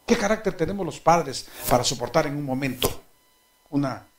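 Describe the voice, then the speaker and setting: With a fairly high pitch and normal speed, a man preaches a sermon as a pastor. His storytelling is animated, he laughs at his own anecdotes, and he asks the congregation questions head-on.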